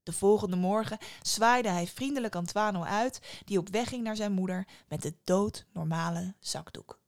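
A woman tells a fairy tale aloud with an expressive, storybook reading. Her voice sits at an ordinary middle pitch for a woman. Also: measured pace.

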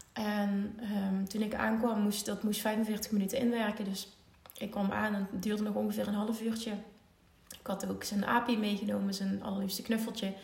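A Dutch woman in her thirties tells a family story as a mother, with a gravelly edge to her voice. She talks with feeling and slips into the voices of the people she quotes. The echo of a bare room hangs around her words. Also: mid-range voice. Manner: emotional, animated retelling with quoted voices. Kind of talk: casual storytelling. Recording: echoey room.

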